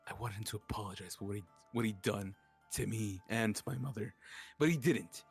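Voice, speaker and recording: Man doing a young male writer's murder confession, low voice, plain delivery, faint music behind. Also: a little fast, slightly rough. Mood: bitter. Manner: reads a dramatic confession in an even voice. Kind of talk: murder mystery party role-play.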